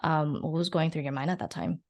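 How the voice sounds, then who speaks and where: A woman's voice: deep voice, steady tone, a little fast, a little mellow. Woman asking long interview questions. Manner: friendly, long questions with "you know" fillers. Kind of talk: podcast interview.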